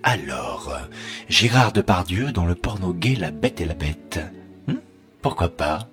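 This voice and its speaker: A man's voice: low voice, animated, measured pace, a bit bright, soft background music. A man voicing a sardonic, menacing male artificial intelligence with a robot voice, mock-polite and sneering. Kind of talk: comedy sketch monologue.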